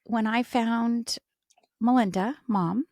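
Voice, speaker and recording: A woman co-hosts a podcast and talks openly about faith and family. Her voice is soft and drops at times to a breathy near-whisper. The sound is dry and close to the mic. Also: on the high side, takes it slowly, no room sound. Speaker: podcast co-host. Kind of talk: casual heartfelt conversation.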